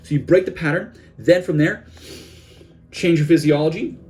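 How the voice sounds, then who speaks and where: A young man talks through self-help steps in a loose, conversational way, his voice a touch high for a man. He keeps it energetic and chatty, full of little asides. A soft guitar plays faintly behind him. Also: normal speed. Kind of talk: casual instructional talk to camera.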